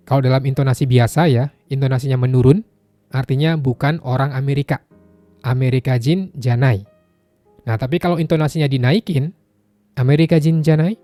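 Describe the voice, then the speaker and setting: Man, teacher, mellow tone, patient casual explanations, dry close recording, faint music behind. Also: a little high, dry recording. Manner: patient, repeats points, casual spoken phrasing. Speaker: Japanese language teacher. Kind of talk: explaining a language lesson.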